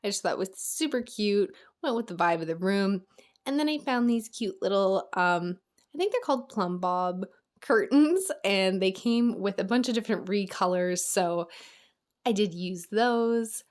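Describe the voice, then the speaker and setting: Chatty young woman narrating a game build. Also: mid-range voice. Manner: chatty, upbeat, frequent small laughs. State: slightly losing her voice. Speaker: game building channel host. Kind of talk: casual voice-over narration of a video game build.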